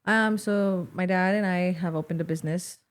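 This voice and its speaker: Here the same young adult guest, Mexican American accent intact, chats loosely and leans heavily on "like" as she wanders through her answers. Her pitch sits on the low side with fairly even intonation, a moderate pace and a smooth quality. The setting is a small wooden-tabled studio, picked up by a boom-mounted mic.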